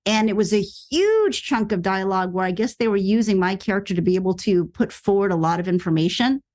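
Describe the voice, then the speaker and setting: A middle-aged actress telling a story in a casual interview, acting out quoted lines with sudden jumps in pitch. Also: female voice, expressive, brisk, darkish tone. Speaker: actress and podcast guest.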